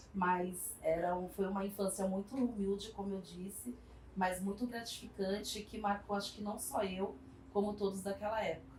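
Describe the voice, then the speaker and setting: A woman, telling her life story in an interview with reflective pauses and small hesitations. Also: medium pitch. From São Paulo, Brazil. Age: 40s. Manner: reflective, warm storytelling with frequent hesitations and tag questions. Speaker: interviewee, community project worker. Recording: echoey room, distant mic, faint background noise.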